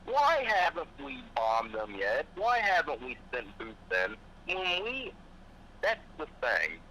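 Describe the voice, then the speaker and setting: A man's voice: a little high, huge pitch swings, slow pace, pushed and bright, a little hiss or hum, poor audio. Fired-up man ranting casually. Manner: profane, fired-up ranting with mocking quoted voices. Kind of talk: casual chat.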